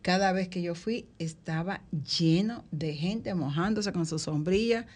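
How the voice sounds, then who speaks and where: A chatty woman with a Dominican accent holds forth on a radio talk show. Her voice sits a little low, and she talks in loose, colloquial phrases with drawn-out stresses. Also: darkish tone. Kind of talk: casual panel chat.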